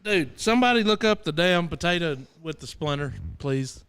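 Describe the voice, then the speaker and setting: Joking man, high lively voice. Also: moderate pace, smooth. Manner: joking, swears freely, laughs often. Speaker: podcast co-host. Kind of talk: casual live radio banter.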